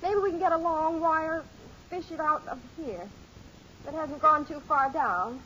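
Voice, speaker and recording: An actress playing a brisk, practical, easily exasperated suburban mother in a 1950s radio sitcom. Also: sits high, pushed and bright. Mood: alarmed. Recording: muffled, noisy old 1950s radio recording.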